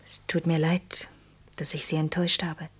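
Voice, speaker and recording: Subdued and apologetic, the actress speaks low-pitched with little pitch movement, her voice breathy and husky, as a gentle, pensive woman telling a fairy tale with grave earnestness. It's quiet, intimate German radio play acting, its slow, lyrical storytelling hushed almost to a whisper.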